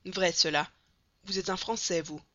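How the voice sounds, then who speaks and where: A woman voicing a brash, loud middle-aged male American showman in a storybook reading, blunt and mocking, on a slightly dull, dry recording. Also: fairly low pitch, steady tone, normal speed, dry recording. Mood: boisterous.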